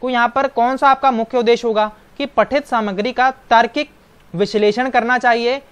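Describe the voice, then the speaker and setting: A man's voice: extremely high pitch, fairly even intonation, a little fast, clear, resonant tone. Brief: male exam-prep tutor, patient explainer with constant tag questions. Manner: explanatory, keeps adding "right?" tag questions. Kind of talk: online exam-prep lecture.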